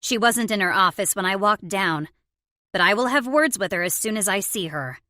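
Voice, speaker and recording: A woman voicing a calm, firm woman in her forties who runs a sports team, in an audiobook. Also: mid-range voice, normal speed, dry recording, clean studio sound. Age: 40s.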